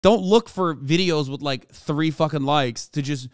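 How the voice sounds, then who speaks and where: A man's voice: fairly high pitch, a little slow, no room sound. A man in his thirties, a streamer, ranting with exasperation and lots of swearing in live commentary, recorded in his home streaming room on a studio mic. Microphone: studio mic on boom arm.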